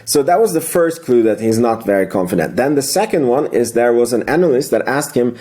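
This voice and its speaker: Speaking a little fast, a man with an expressive, mellow, medium-pitched voice hosts a casual finance recap video. As an amateur investor, he rambles through his thoughts aloud and leans on repeated words for emphasis.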